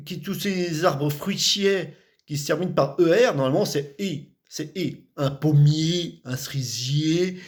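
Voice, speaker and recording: A man from the Vosges with a Vosges French accent, chatting casually about local words, talking in loose repetitive bursts with many fillers. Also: on the high side. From Vosges, France.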